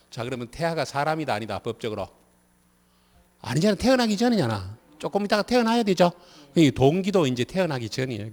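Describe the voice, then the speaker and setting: Reverberant Gyeongsang-accented male law instructor. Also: medium pitch. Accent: Gyeongsang Korean. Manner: drills students with repeated quiz questions. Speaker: civil law instructor for a real estate licensing exam. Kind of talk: classroom lecture.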